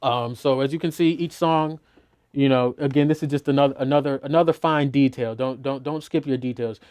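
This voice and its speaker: A man's voice: medium pitch, steady tone, a little fast, a little mellow, clean tone. A middle-aged mix engineer talks through his mixing process in a studio, casual and loose, full of "you know" and restarts. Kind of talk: teaching a mixing walkthrough.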